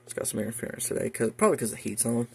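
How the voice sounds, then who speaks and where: Over a loud crowd, an American man talks rapid-fire in a gravelly, mid-range voice. He's a hobbyist video host doing a casual show-and-tell vlog in a room at home, rambling folksily and muttering asides to himself.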